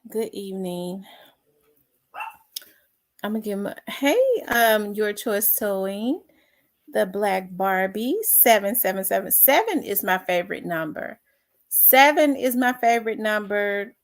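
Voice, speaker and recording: A woman's voice: medium pitch, lively intonation. A woman hosting a casual livestream, greeting viewers by name with lots of ums. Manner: unhurried, reads out viewer names with many fillers. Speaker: livestream host.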